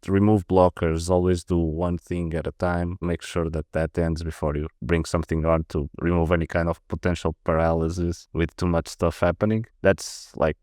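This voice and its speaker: A man in his thirties with a Portuguese accent and a very low voice talks through his answers in a relaxed way. He stumbles and restarts often. He is recorded close and dry. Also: moderate pace, hardly any pauses, no echo. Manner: hesitant, many restarts and fillers. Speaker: podcast guest, protocol lead. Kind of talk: casual interview answers.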